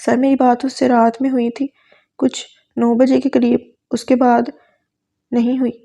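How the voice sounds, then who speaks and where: Brief: a woman playing a respectful, worried young student, even delivery. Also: on the high side, creaky. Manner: polite, hesitant.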